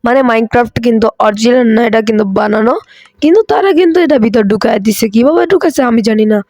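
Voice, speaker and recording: A hoarse man hosting a gaming channel, chatty and excitable as he comments on mobile gameplay, with English phrases mixed in. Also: very high-pitched, quick pace, dry recording. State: hoarse, coughing.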